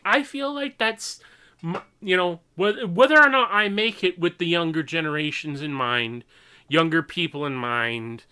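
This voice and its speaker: A young man talks through his opinions off the cuff in a clear, smooth voice that sits a little high. He is earnest and exasperated, and his delivery is halting, with repeated words and stammered restarts. The pace is slow and deliberate. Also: bright, forceful tone. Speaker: online animator and creator. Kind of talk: unscripted opinion vlog.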